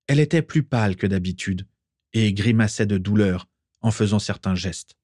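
Husky male storyteller, dry close sound. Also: fairly low pitch, moderate pace, darkish tone, no echo. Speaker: audiobook narrator. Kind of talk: storybook narration.

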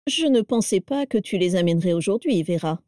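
A woman's voice: medium pitch, animated, a little fast, warm tone, dry recording, clean studio sound, close to an everyday voice. A woman voicing a polite, slightly embarrassed young nobleman, read in an audiobook. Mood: awkward. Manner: polite, a bit awkward. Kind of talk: audiobook character reading.

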